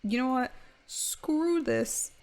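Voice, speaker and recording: Woman voicing hurt angry young man sim, indignant, petty, gravelly. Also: high-pitched, takes it slowly, darkish tone, voice pushed up.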